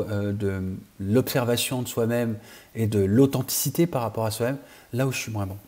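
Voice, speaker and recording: A man teaching a training course with a mellow, warm tone and a slightly husky edge. He explains steadily, step by step, speaking straight to his learners the way a coach would. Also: mid-range voice. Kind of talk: online training lesson.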